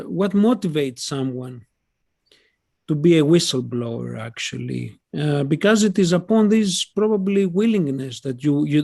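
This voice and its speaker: A man asking a question in a webinar, halting and restarting as he speaks. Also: on the high side, gravelly, darkish tone, breathy edge, dry recording.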